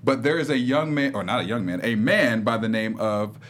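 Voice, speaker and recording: A man's voice: medium pitch, fairly quick, fairly bright tone. A man hosting a casual talk show panel, steering the talk and introducing story segments. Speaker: host. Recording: faint background noise.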